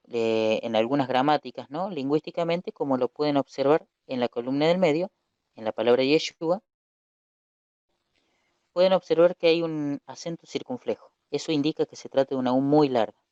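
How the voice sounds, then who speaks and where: A man's voice: medium pitch, mellow, clear, resonant tone, no echo. A man teaching a recorded Hebrew lesson, explaining patiently, repeating key points and correcting himself as he goes. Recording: dull lo-fi dry recording.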